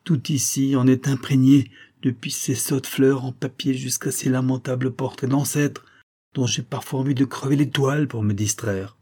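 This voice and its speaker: A man's voice: mid-range voice, steady tone, normal speed, dark tone, natural voice. A man reading an audiobook, voicing a bored, melancholy young woman with a disdainful manner. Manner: sighing, disdainful. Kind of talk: audiobook character voice.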